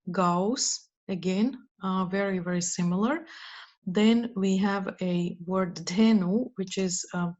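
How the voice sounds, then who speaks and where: A woman giving an academic presentation, speaking slowly and carefully with frequent uh and um fillers. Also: lowish voice, a little mellow. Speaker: lecturer. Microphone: video call. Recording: dull, lo-fi online talk.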